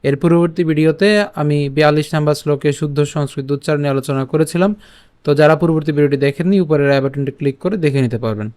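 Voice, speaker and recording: A man with a somewhat high voice teaches the pronunciation of a scripture verse. He splits each word into syllables and chants slowly and deliberately. His channel greetings and sign-offs come out fast. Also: a little mellow, clear, resonant tone. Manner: rapid channel intros and outros. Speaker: Sanskrit recitation teacher. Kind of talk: Gita pronunciation lesson.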